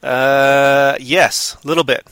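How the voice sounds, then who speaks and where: A man's voice: mid-range voice, steady tone, takes it slowly, a bit bright, smooth, no echo. A man from Canada hosting a live online show in a casual, rambling chat, playful and ranting, who slips into silly voices.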